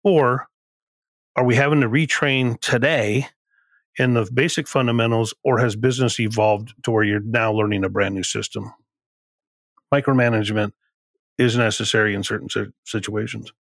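Gravelly man giving emphatic business advice. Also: medium pitch, steady tone, normal speed, fairly bright tone, dry recording. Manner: emphatic, repeats and restarts phrases. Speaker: podcast guest, business CEO. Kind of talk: conversational podcast interview.

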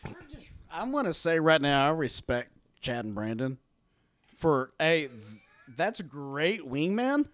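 A man's voice: a little high, very animated, a little slow, long pauses, a bit bright, no room sound. Brief: male guest, casual, profane, cracking jokes. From Texas. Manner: profane, jokey. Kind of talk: casual podcast chat.

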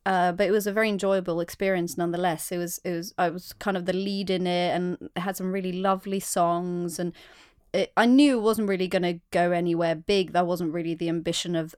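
A woman's voice: on the low side, steady tone, fairly quick, darkish tone, dry recording. Young woman guest, candid rambling storyteller, dry close sound. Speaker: guest, actor and singer. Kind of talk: casual podcast interview.

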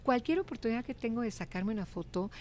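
A middle-aged woman with a Mexican accent, chatting as a guest and telling lively stories. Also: fairly high pitch, fast talker. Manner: animated storyteller, acts out quoted voices. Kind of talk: casual interview chat.

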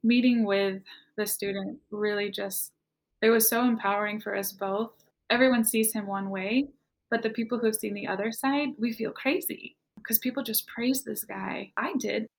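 Candid and speaking at a normal speed, a young woman shares her personal testimony as a guest, acting out quoted exchanges as she recounts what happened. Her voice has a gravelly, creaky quality, sits in a woman's middle range, and keeps fairly even intonation.

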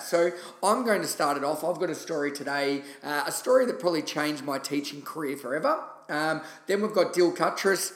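An Australian-accented man hosting a podcast, telling personal stories in a casual, chatty, enthusiastic way. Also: fairly high pitch. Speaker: podcast host. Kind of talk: casual solo podcast storytelling. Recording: roomy, echoey sound.

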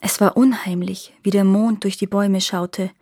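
A woman storyteller reading a legend aloud in calm, measured narration. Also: medium pitch, no room sound. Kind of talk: fairy-tale reading. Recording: dry close recording.

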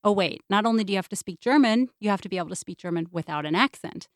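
A woman's voice: mid-range voice, fast, dry recording, clean studio sound. A woman, a radio guest speaking in a thoughtful, conversational way. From United States. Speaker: guest, series producer. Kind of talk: radio interview discussion.

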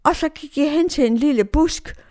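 A woman's voice: high voice, darkish tone, pitched above the performer's own voice, close to an everyday voice. A woman voicing a four-year-old girl who innocently explains how she got lost. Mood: earnest. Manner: innocent, plain recounting. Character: little girl of four, earnest and tired.

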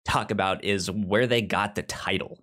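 A young man's fairly low, bright, forceful voice holds fairly even intonation at normal speed as he co-hosts a casual review podcast. He stutters heavily and keeps restarting words.

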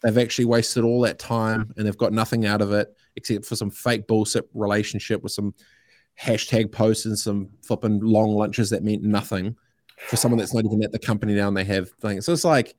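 In a casual, opinionated chat, a middle-aged man with a Kiwi accent speaks as a podcast guest, forceful and full of slang and curse words. He talks at a normal speed in a lowish, steady, slightly mellow voice, and the studio recording is clean and dry.

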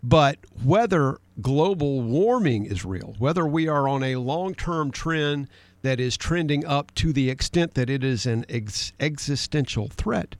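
A man's voice: medium pitch, lively intonation, unhurried, no echo. A middle-aged man co-hosting a conversational political talk show, speaking emphatically, reading news headlines aloud and keeping up a running exchange with his co-host.

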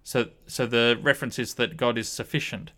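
A man leading a reflective Bible study discussion, speaking in a thoughtful, measured way with frequent pauses and ums. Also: mid-range voice, fairly even intonation, pushed and bright.

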